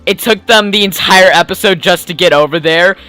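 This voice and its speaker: A man's voice: high-pitched, a little fast, bright, forceful tone, clear, resonant tone, no echo. A man giving casual let's play commentary, rambling and joking with lots of filler words. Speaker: gameplay commentator. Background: game music.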